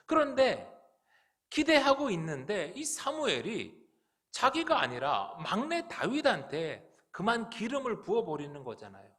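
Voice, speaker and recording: Male pastor, church sermon, high and very lively pitch, earnest questioning delivery. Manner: earnest, rhetorical questions to the congregation. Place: church sanctuary.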